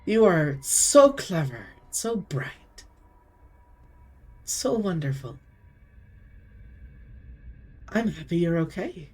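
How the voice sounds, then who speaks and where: A woman's voice: on the low side, very animated, slow pace, a little mellow, husky, heavily acted. A woman voicing a tender, doting female vampire noblewoman who calls people darling. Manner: affectionate, lingering, calls everyone darling.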